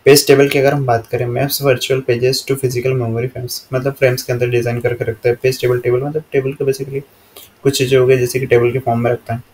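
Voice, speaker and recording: A man with an Indian accent explaining computer memory slide by slide, reading English lines slowly and then explaining them in a steady monotone. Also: medium pitch, a little hiss or hum. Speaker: teacher.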